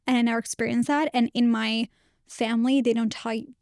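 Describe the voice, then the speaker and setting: Higher-pitched woman, candid podcast host. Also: flat delivery, brisk, a little mellow, no echo, clean studio sound. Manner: candid and reflective, many restarts. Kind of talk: casual conversation.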